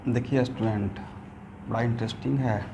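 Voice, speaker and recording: Teaching chemistry in a classroom that's also streamed online, a man asks his students questions and then supplies the answers, slipping in English technical terms. His gravelly, mid-range voice holds fairly even intonation at a moderate pace, over background noise.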